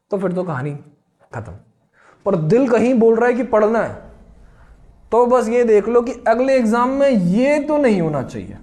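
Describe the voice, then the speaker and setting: A high-pitched man gives a motivational classroom talk to exam students. He talks in a lively way, keeps asking the class questions and acts out their excuses in quick little voices. His delivery swings between punchy and soft. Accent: Hindi-speaking North Indian. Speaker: nursing exam teacher.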